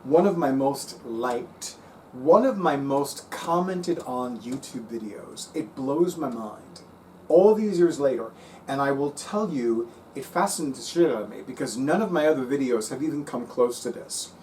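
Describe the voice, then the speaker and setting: A man in his fifties with Cuban heritage, talking about his tarot cards in an animated, casual vlog and swearing freely. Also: medium pitch, unhurried. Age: 50s. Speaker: tarot reader and YouTuber. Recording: voice a bit far from the mic, faint room noise.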